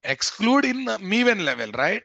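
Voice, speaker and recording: This programming instructor, a man with a Telugu Indian accent, teaches live coding informally and familiarly, repeating phrases and checking in with questions. He has a high voice with big pitch swings, a sharp tone and a moderate pace. No echo is present, though the highs are cut off.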